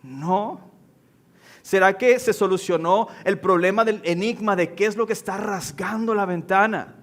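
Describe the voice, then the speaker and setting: Pastor guy in his 30s preaching, kinda high voice, earnest, slows down on the big points. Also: a bit bright. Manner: earnest preaching, slows down to stress key lines. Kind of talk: sermon. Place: church sanctuary.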